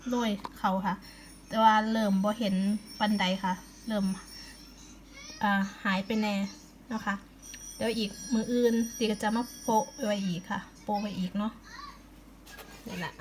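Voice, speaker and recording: A woman's voice: medium pitch, steady tone, moderate pace, slight background noise, rough recording. A woman with an Isan Thai accent chatting in a casual home vlog, explaining plant care step by step. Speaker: vlogger.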